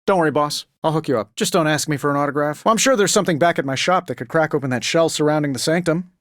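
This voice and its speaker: A man's voice: fairly high pitch, quick pace, a bit bright, dry recording, clean studio sound, natural voice. A man playing a wisecracking, cocky genius inventor superhero in a video game, talking in a glib, sarcastic, conversational way. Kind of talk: video game character voice lines.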